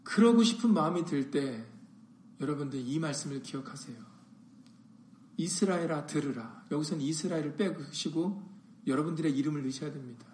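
A man's voice: a little high, fast talker, darkish tone, echoey room, slight background noise. A man pastor preaching a sermon, full of rhetorical questions and acted-out quotes.

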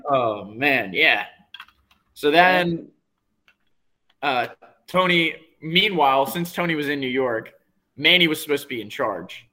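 A man's voice: fairly high pitch, expressive, unhurried, pauses often, pushed and bright. A man in casual chat, retelling a film plot in a loose, slangy way with jokey asides.

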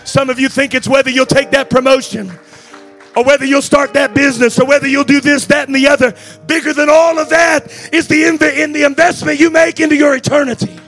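A man preaching a Pentecostal-style church sermon in an impassioned, declamatory way, often shouting and repeating phrases for emphasis. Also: extremely high pitch, little pitch movement, brisk, faint music behind. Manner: emphatic repetition for effect.

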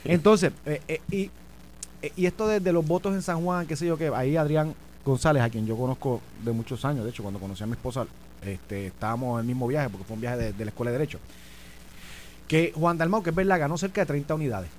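A middle-aged man with a Puerto Rican accent hosting a political talk show, animated and argumentative. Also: a little high, fast. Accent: Puerto Rican Spanish. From Puerto Rico. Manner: animated and argumentative, talks over his co-host. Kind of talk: political commentary chat. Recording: faint background hum.

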